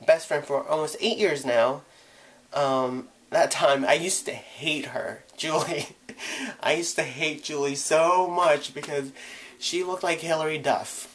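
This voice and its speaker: A young man vlogging, telling a personal story in a casual, chatty way with lots of "like" and "you know". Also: mid-range voice.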